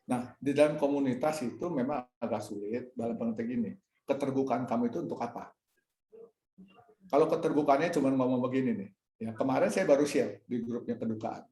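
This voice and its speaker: A man's voice: mid-range voice, a little fast, dark tone, reverberant. A man speaking at a church fellowship meeting, telling a personal story and acting out the dialogue while answering questions. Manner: storytelling, acts out his own dialogue; addresses listeners as "Saudara". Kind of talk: casual sermon-like talk answering questions.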